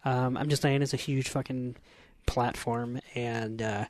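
A man's voice: mid-range voice, steady tone, unhurried, no echo. A man co-hosting a film podcast, sardonic and given to stammered restarts. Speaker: podcast co-host. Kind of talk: casual podcast chat.

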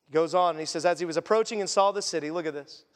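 A man preaching a sermon as pastor, earnest and conversational, often dropping to a hushed voice for emphasis. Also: on the high side, rapid-fire, in a large hall. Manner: earnest, conversational preaching with sudden quiet drops.

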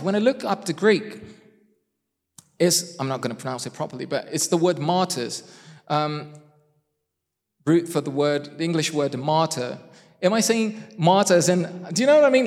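A man preaching a sermon in a conversational way, with joking asides about himself, slowing down to stress key phrases. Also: a little high. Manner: conversational, self-deprecating asides; emphatic, slows for key phrases. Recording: long hall reverb.

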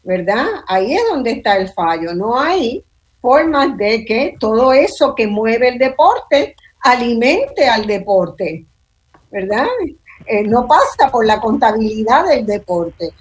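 An older Puerto Rican woman hosts a panel discussion in a thoughtful, reflective way, often tagging sentences with "¿verdad?". Her voice is fairly high with big pitch swings and a slow pace, and the audio is poor.

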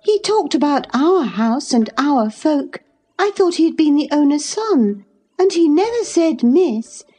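A woman's voice: big pitch swings, unhurried, dark tone. A woman voicing a spoiled, indignant young girl who gives orders and turns tearful, in a storybook reading. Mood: imperious. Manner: haughty, commanding, high and pleading.

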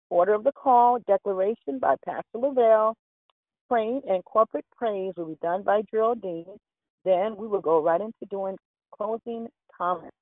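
Woman hosting over a tinny phone line. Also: mid-range voice. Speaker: hostess of a prayer call. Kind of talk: scripted announcements and scripture reading. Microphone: telephone. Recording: tinny phone conference line, roomy echo.

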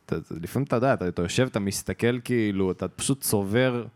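Young man, podcast co-host, casual chat, animated storytelling, acts out quotes. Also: lowish voice.

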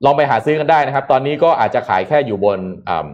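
A man's voice: mid-range voice, animated, fast, a little hiss or hum. A man co-hosting a casual talk show, explaining tech news patiently and filling his speech with polite particles. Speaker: co-host. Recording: slightly dull lo-fi sound.

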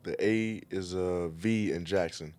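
A man with a low-pitched voice chats as a podcast guest. He is laid-back and somewhat halting, in an informal conversational style. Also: a little mellow. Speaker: podcast guest, trainer and massage therapist. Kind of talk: casual chat.

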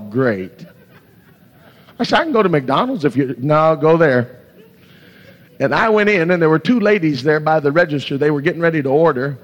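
Impassioned preacher man in an echoey hall. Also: on the high side. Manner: impassioned, exclaims hallelujah and glory to God. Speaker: evangelist preacher. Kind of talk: sermon with storytelling. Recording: echoey hall, dull lo-fi sound.

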